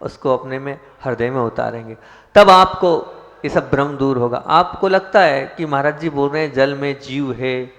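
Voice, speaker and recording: A Jain monk giving a sermon, asking rhetorical questions and stressing key points with rising force. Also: male voice, medium pitch, normal speed, fairly bright tone. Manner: opens with sung chanted prayers. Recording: long hall reverb.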